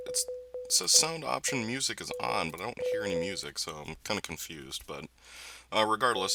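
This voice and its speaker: A man's voice: low voice, no echo. A man with a voice affected by being sick gives casual let's play commentary as a gaming host, hesitant and thinking aloud. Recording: loud music behind voice. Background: game music and vehicle engine sounds.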